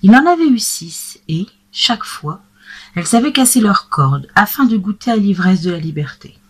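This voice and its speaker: Breathy woman reading a tale. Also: medium pitch, lively intonation, moderate pace. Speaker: storyteller. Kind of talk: scripted narration of a tale.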